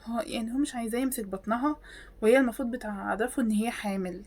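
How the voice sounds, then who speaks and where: A woman with an Egyptian Arabic accent reacts to videos in an exasperated, mocking tone. Her voice sits a little high, and she fires off rhetorical questions. She swings from loud outbursts to hushed asides. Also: racing.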